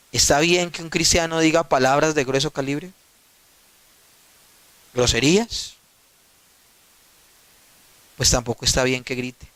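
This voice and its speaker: A man's voice: on the high side, a bit bright, no echo. A male pastor preaching a sermon emphatically, putting rhetorical questions to his listeners and addressing them directly.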